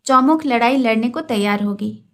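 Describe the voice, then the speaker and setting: A woman teacher narrates a novel aloud, steady and clear. Her voice sits notably high. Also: normal speed. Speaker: teacher reading a novel for exam prep.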